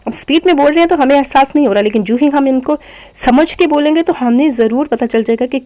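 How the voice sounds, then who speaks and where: Woman teacher explaining phonetics, slightly high. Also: warm tone. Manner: reads English lines slowly and deliberately, explains in quick conversational asides; demonstrates sounds aloud, addresses listeners as "janab". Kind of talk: phonetics lesson, reading English lines slowly then explaining.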